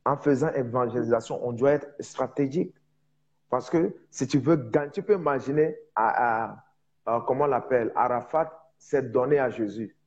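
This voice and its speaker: Man, preacher, foreign accent in non-native French, husky soft-edged voice, halting, emphatic, lo-fi sound. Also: medium pitch. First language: not French, speaks it as a second language. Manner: emphatic repetition, halting word searches. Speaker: preacher, prophet. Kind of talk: informal evangelistic teaching.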